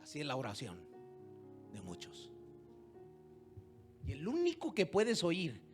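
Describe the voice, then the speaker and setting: A man preaching a sermon as pastor, moving from hushed storytelling to loud exhortation and throwing rhetorical questions at the congregation. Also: on the high side, huge pitch swings, measured pace, soft background music. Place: church service.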